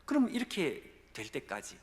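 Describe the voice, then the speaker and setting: A man preaching a sermon acts a broken male pastor who loudly and slowly pours out bitter complaints, in a reverberant church hall. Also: a little high, huge pitch swings. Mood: anguished. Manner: loud, slow, anguished complaint.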